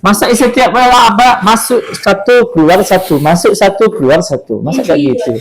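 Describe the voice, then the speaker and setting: A man teaching Arabic, leading slow call-and-response drills and breaking into quick explanations and scolding. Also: high voice, a crowd in the background, poor audio. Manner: drills phrases slowly, then scolds and explains rapidly. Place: school classroom full of students. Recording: classroom with pupils chattering behind.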